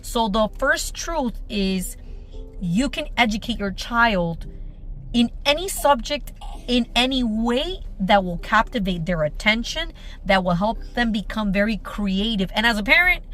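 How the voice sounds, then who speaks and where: With music in the background, a woman narrates her vlog as a homeschooling mom and host. Her voice is fairly high and bright, expressive and unhurried, delivered in short, emphatic, scripted-sounding phrases and rhetorical questions, on a low-quality recording.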